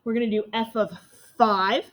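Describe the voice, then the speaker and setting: A young woman teacher guides her class through a math lesson, explaining each step plainly and asking students whether they have questions. Her voice is loud and fairly high, with fairly even intonation and normal speed.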